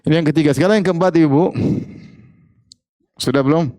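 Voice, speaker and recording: A male Islamic preacher giving a religious study lecture, often putting questions to the audience and repeating key phrases in a lively, joking teaching tone. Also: a little high, a little fast, no room sound.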